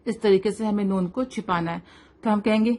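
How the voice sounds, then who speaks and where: A woman teaching a child Quran recitation rules, switching between Urdu and English, stretching words out slowly to model them and quizzing with "right?" and "fine". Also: medium pitch, dark tone. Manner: asks quiz questions and checks with "right?" and "fine". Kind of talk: tajweed lesson for a child, mixing Urdu and English.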